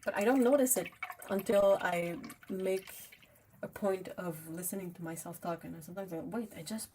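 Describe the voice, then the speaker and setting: A lowish, slightly mellow female voice comes through at a moderate pace with a little background noise. She is a young native French speaker with a French Canadian accent, painting on a livestream as she chats casually with viewers, reading the chat aloud and laughing often.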